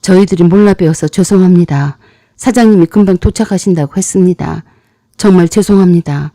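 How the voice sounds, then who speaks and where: A woman's voice: fairly low pitch, fairly quick, dark tone, no echo, studio quality, close to an everyday voice. A woman voicing a deferential, groveling male bar manager in a story narration. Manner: apologetic, deferential.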